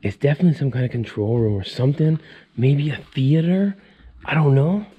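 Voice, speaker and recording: Speaking briskly and with animation, this thirties-aged vlogger has a medium-pitched voice with a breathy edge, and the recording sounds muffled. He's an urban explorer capturing a handheld walkthrough of a burned-out abandoned house, thinking out loud for his audience as the camera rolls inside.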